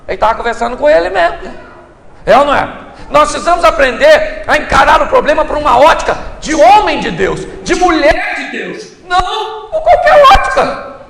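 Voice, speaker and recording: A man preaching a comic sermon in a church, telling stories in an animated way with loud, emphatic bursts. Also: very high-pitched, moderate pace, creaky, a crowd in the background. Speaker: pastor. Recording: echoey church hall, mic far off.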